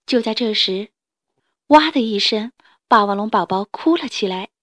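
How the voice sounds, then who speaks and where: A woman reading a children's story aloud in a gentle, expressive way. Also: medium pitch, normal speed, no room sound, studio quality.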